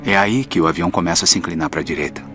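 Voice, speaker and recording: A male actor playing a brisk air-crash investigator with a Brazilian accent in a dubbed documentary re-enactment. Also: low-pitched, natural voice. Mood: matter-of-fact. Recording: music behind the voice.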